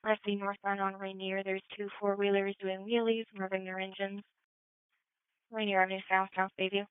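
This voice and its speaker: A woman's voice: mid-range voice, flat delivery, normal speed, clear, resonant tone, dry recording, faint music behind. A woman working as a police dispatcher, giving terse calls over a two-way radio. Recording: narrowband police scanner radio.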